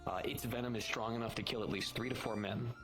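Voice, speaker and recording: In a fairly low, fairly even voice delivered at a quick pace, a man roleplays a knowledgeable insect keeper at a fantasy hunters' guild. He explains things patiently and informatively in an improvised style, with faint music playing behind him.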